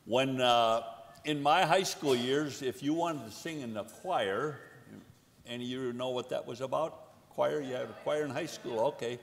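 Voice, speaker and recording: An older man, a guest singer sharing his testimony, tells rambling, self-deprecating stories to a church congregation through a handheld microphone. His mid-range voice is unhurried, with long hall reverb from the sanctuary and slight background noise.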